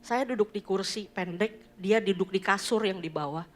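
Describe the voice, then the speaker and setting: A woman's voice: medium pitch, moderate pace. A woman, preaching a sermon in a church. She tells stories and addresses the congregation, mixing in English phrases. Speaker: pastor.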